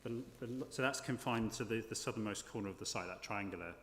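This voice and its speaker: A man presides over a formal hearing with a fairly low voice. He feels his way through questions, repeating words. The room is echoey and there is noise behind him. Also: brisk, a bit bright. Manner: hesitant, often repeating words as he phrases questions. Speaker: planning inspector chairing an inquiry. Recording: echoey hall with clear background noise.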